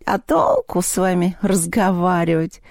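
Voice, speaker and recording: A lazy, sarcastic tomcat from a storybook drawls every word slowly and teasingly, as the narrator puts him on. The tone is mellow and soft, and the recording is dry and close. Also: mid-range voice, very animated, no echo. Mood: lazy, mocking. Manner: drawling, mocking. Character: lazy, sly talking male cat.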